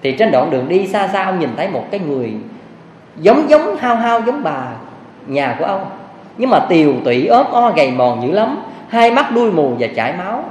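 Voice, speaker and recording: A man's voice: sits high, moderate pace. A man telling a Buddhist moral tale as a preacher. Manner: animated, emphatic storytelling. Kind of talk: sermon storytelling. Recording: echoey hall, faint hiss.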